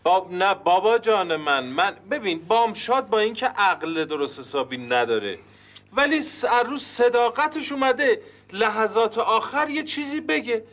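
An actor playing an earnest detective in a TV sitcom who lectures and scolds the others. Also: male voice, sits high, lively intonation, fairly bright tone. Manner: lecturing, reproachful. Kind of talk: TV sitcom acting.

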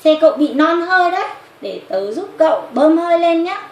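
A woman's voice: very high-pitched, big pitch swings, brisk, darkish tone, heavily acted. A woman voicing a friendly, helpful young elephant schoolmate, eager and childlike, in a children's puppet story. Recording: roomy echo with clear background noise.

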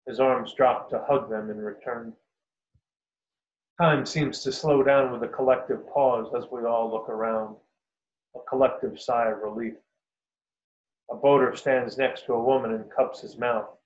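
A man, the author, reading his own first-person story in a measured, unhurried way. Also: medium pitch, fairly even intonation. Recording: roomy, dull lo-fi recording.

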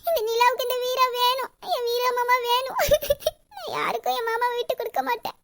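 A woman's voice: very high voice, fairly even intonation, quick pace. A young woman voicing a devoted wife who tearfully pleads for her absent husband in an audio drama. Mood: pleading. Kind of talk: emotional audio drama acting.

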